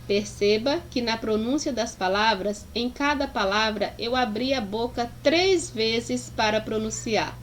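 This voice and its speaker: Lady teacher going real slow, breaking words into syllables, calls the kids sweet names, bit of hiss behind. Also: fairly high pitch. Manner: affectionate, addresses pupils as "meus amores", sounds out words syllable by syllable. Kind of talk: slow, deliberate classroom explanation.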